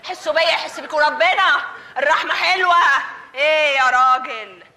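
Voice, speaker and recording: An actress with an Egyptian accent playing an exasperated mother of four daughters, complaining loudly and theatrically on stage. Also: high voice, brisk. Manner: loud, wailing, theatrical complaining. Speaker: stage actor. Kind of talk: live comedic stage acting.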